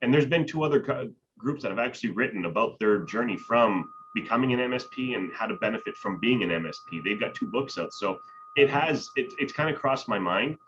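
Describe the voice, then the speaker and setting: A man's voice: mid-range voice, lively intonation, a little fast, a bit bright, highs cut off, slight background noise. A man chatting casually in a business video call, rambling with frequent restarts and laughs. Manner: rambling, talks with his hands, laughs often. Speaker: business owner.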